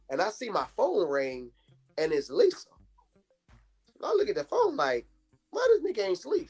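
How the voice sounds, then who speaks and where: A man recounts a painful personal loss in an animated, vernacular way. His pitch jumps around lively as he tells it. Faint music plays behind him. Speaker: guest, bereaved father. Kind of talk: emotional personal account. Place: live-stream call.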